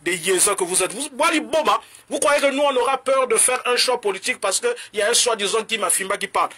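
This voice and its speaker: A man with a Congolese French accent rants about politics to camera. His voice sits high, with a tense, forceful edge and a husky grain. He is combative and mocking, and he switches languages in quick bursts. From Republic of the Congo. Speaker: political commentator. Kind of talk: heated political rant to camera.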